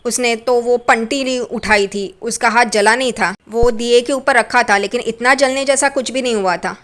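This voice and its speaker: Woman, high voice, bright tone, chatty serial recap narration. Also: normal speed. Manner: chatty, lively narration with acted quotes. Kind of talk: casual storytelling recap.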